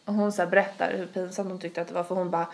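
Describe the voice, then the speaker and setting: A woman's voice: lowish voice, flat delivery. A young woman, rambling through a long story in casual podcast chat, full of fillers. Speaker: podcast host.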